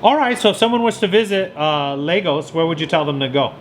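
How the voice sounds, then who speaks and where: A man from California hosts a casual interview, asking curious questions in a fairly high voice. He keeps the talk loose and quick. Faint noise sits in the background. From California, USA. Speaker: interview host.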